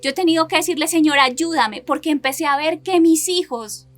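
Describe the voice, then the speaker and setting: A woman's voice: sits high, a little fast, faint music behind. A woman preaching a sermon and sharing a personal testimony, earnestly putting rhetorical questions to her listeners and building her points in repeated lists.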